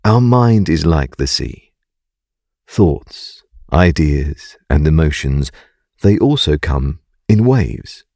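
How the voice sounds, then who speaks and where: A man narrating a scripted guided meditation in a calm, gentle, soothing and unhurried way. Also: a bass voice, no room sound, clean studio sound.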